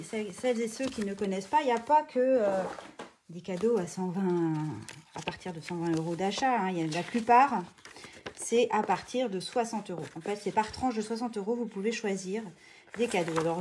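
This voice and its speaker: A woman hosting a live craft tutorial, chatting casually, greeting viewers by name and filling pauses with hesitations. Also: mid-range voice, darkish tone, slight background noise. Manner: chatty, greets viewers by name mid-sentence, many fillers.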